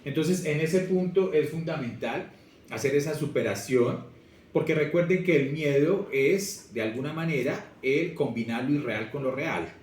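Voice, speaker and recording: A man, a language teacher giving a lively, expressive lecture straight to his students. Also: a little high, normal speed. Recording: echoey room, voice from far off.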